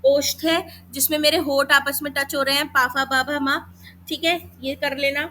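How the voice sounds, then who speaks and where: A woman teaching a Hindi grammar lesson for exam preparation, calling students beta and mixing in English terms while sounding out letters slowly. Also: high voice, flat delivery, bright, forceful tone, slight background noise.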